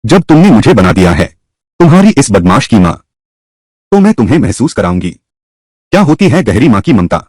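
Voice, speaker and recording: A man's voice: medium pitch, big pitch swings, brisk, long pauses, darkish tone, dry recording. A man voicing a fierce middle-aged mother-in-law who scolds and threatens her son in a dubbed story. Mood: furious.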